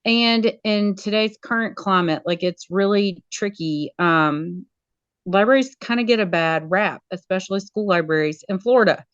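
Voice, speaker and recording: A woman, a school media specialist, talking casually as an interview guest in an animated way. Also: mid-range voice, normal speed, no echo, highs cut off. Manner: animated, acts out quoted voices.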